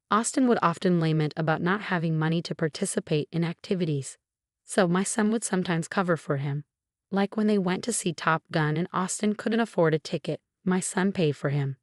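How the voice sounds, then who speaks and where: A woman reading online forum posts aloud as scripted narration, in an even, measured delivery with no fillers. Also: lowish voice, dry recording, studio quality. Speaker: story narrator.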